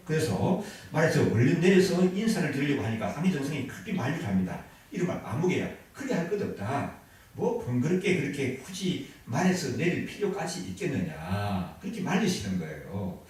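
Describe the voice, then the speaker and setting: A man's voice: mid-range voice, darkish tone. Male pastor preaching, voice rising and falling a lot, echoey church hall, mic a bit far off. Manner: storytelling, asks the congregation questions. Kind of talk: sermon. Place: church sanctuary.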